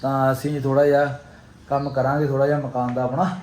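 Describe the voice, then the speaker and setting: A man's voice: mid-range voice, level tone, fast, darkish tone. A man with a Punjabi accent chatting casually to viewers as a vlog host, exclamatory and teasing, often repeating his phrases. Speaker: family vlogger and host. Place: home, indoors. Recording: echoey rooms with faint background noise.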